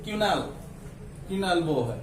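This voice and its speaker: With students around him, a man teaches maths in an animated, high-pitched voice at a moderate pace, counting steps aloud and often asking "ठीक है ना" amid English terms. The mic sits far off in an echoey room, with background noise.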